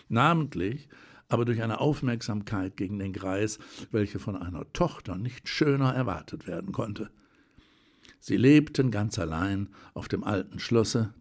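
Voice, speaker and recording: A man narrating an audiobook with a steady, deliberate reading. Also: on the low side.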